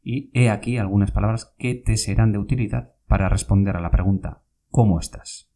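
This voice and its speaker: A man teaching Basque vocabulary in a podcast lesson, speaking slowly and patiently and repeating each word. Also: on the low side, warm tone.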